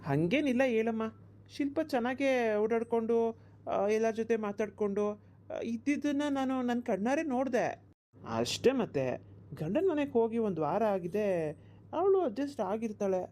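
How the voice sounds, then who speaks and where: A woman voicing a grown village son in a cartoon, calmly reassuring his worried mother. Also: on the high side, normal speed, long pauses, lightly acted. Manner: reassuring, explanatory. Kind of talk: cartoon voice acting.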